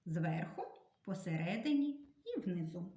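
Slow, lively-voiced woman teaching children. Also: lowish voice. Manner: slow, careful, instructive, clearly sounding out letters. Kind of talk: literacy lesson for young children. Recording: echoey room.

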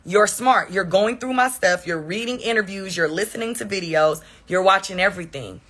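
A woman with a bright, forceful voice vents live on her phone, defensive and quick to sarcasm. She talks straight to her chat. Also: mid-range voice. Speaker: livestreamer. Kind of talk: venting on a livestream.

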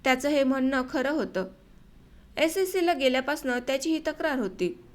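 A woman narrating an autobiographical novel as an audiobook, in a steady, measured reading that also voices the dialogue. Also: high voice.

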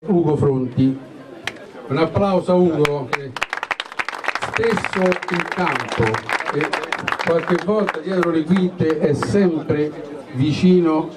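Male event host, fairly high voice, outdoors, heard from a distance. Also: takes it slowly, long pauses, loud music behind the voice. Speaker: master of ceremonies at team presentation. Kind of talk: live public presentation. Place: outdoors at night in an urban open space. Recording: distant, noisy outdoor crowd recording. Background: crowd noise.

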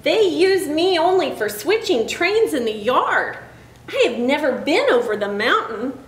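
A woman's voice: high-pitched, sing-song, unhurried. A woman voicing a very little female engine, kind, modest and earnest, in a children's storybook reading. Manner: gentle, chanting, earnest. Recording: echoey room with faint noise.

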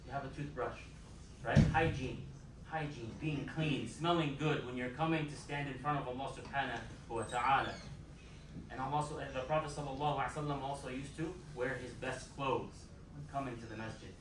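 A man's voice: mid-range voice, fairly even intonation, fairly quick, noisy background. A man giving a Friday sermon as imam in a mosque, emphatic and repeating his key phrases. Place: mosque prayer hall. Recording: echoey hall, mic far off.

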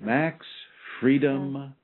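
A man's voice: medium pitch, drawn-out words. A man in an informal talk, dictating names and spelling them out letter by letter as a teacher would. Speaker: spiritual teacher recommending books. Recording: tinny phone-like line.

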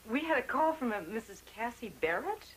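A middle-aged actress playing an earnest visitor from a recovery group in a 1970s TV movie, patient and hesitant. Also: female voice, fairly high pitch, very animated, fairly quick, slight background noise, poor audio.

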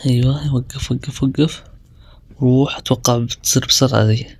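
A young man, chatting his way through a video game and talking himself through each move with quick exclamations. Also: medium pitch, steady tone, darkish tone, husky. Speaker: gaming video creator. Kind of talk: casual gameplay commentary.

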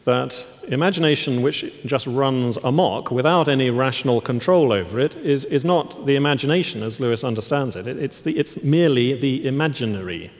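Courteous, halting male panel moderator. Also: medium pitch, animated. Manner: courteous, halting with repeated words. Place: large church hall with audience. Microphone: headset mic. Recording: long hall reverb.

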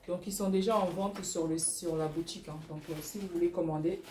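A young woman chatting casually in a vlog, excitable and full of fillers and repeated words as she unpacks her orders. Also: on the low side, fairly quick. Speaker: small-business vlogger. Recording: echoey room with loud rustling noise. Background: crinkling packaging and clicks.

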